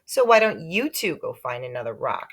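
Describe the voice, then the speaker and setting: A woman's voice: low voice, big pitch swings, moderate pace, slightly rough, full character voice. A woman voicing a bossy, eager fourth-grade girl from a children's story, insistent and sing-song. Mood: smug.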